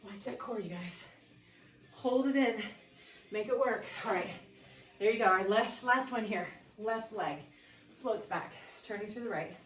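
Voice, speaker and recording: A woman's voice: medium pitch, unhurried. A woman fitness instructor leading a dumbbell workout, giving upbeat cues and countdowns. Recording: echoey room, mic at a distance, faint music. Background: faint background music.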